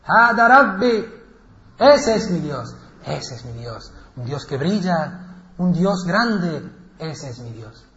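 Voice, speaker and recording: An earnest male prophet calls out to a crowd, played by a male preacher. He stretches his exclamations in a high, swooping voice. The recording is dull and echoey. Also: very animated, slow, fairly bright tone, slight background noise, heavily acted. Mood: awed.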